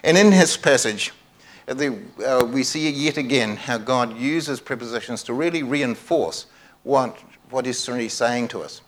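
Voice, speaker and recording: A male pastor delivers a sermon into a microphone in an earnest, conversational way. His voice sits at an ordinary middle pitch, and he often repeats key phrases for emphasis. He restarts his sentences now and then. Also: unhurried.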